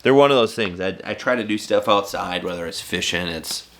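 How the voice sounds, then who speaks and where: A man's voice: deep voice, brisk, vocal fry, fairly bright tone. A man in his thirties hosting a casual golf podcast at home, laid-back and casually swearing. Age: 30s. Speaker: podcast host. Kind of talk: casual chat.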